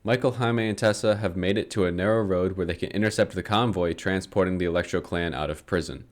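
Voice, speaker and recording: Low-voiced man narrating with sarcasm. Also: fast talker. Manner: sarcastic, swears freely, laughs at his own lines. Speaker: comedic book summarizer. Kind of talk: comedic scripted narration.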